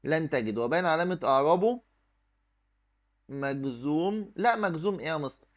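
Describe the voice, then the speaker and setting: A man's voice: a little high, big pitch swings, racing. A man with an Egyptian accent teaching an exam review lesson, explaining step by step and answering his own questions while he writes on the screen. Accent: Egyptian Arabic. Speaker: Arabic teacher.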